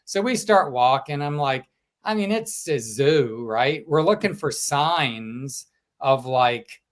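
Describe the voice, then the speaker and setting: A man co-hosting a sports podcast, telling stories from a road trip in a casual, animated way. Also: medium pitch, slow pace. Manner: storytelling, quotes fans in lively asides. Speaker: podcast co-host, sports reporter.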